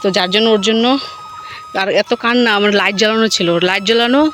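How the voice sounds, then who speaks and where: A woman's voice: fairly high pitch, steady tone, fast talker, a bit bright, slight background noise. A woman chatting casually to the camera in a home vlog, talking to her child and a goat as she goes. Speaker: vlogger.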